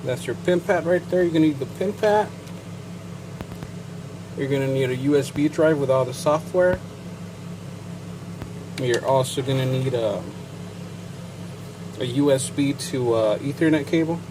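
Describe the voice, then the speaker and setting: A bilingual English and Spanish speaker with a Chicano Mexican-American accent, this certified payment terminal technician casually walks through a technical setup in a how-to demonstration, rambling with fillers and asides. His voice is medium-pitched and measured, with long pauses and a noisy background.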